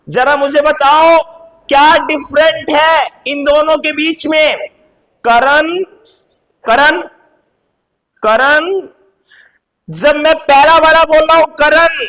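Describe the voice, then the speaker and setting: A young man teaching a class of children, speaking loudly, calling on students and slowly repeating sounds. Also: very high-pitched, long reverb tail, low-quality recording. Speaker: English teacher.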